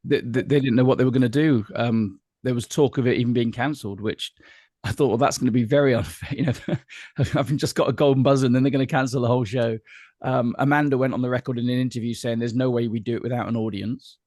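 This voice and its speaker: Fast-talking man telling stories. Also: mid-range voice, steady tone, a little mellow, dry recording, studio quality. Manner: chatty anecdotal storyteller. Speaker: guest entertainer. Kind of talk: casual interview chat.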